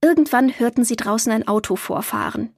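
A woman narrating a children's audiobook with lively storytelling. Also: on the high side, fairly quick, slightly rough, dry recording, clean studio sound.

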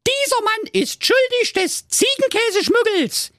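Shrill fairy-tale girl detective Blaukäppchen, a man in falsetto. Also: expressive, unhurried, bright, forceful tone, dry recording, clean studio sound, full character voice. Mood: shrill triumphant. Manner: shrill, pompous, accusing. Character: prim triumphant young girl detective, a cap-wearing fairy-tale parody.

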